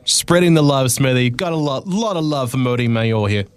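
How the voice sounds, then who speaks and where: A man's voice: medium pitch, animated, moderate pace, a little hiss or hum. A man with a New Zealand accent presents casually on live sports radio, as a sports desk voice and quizmaster.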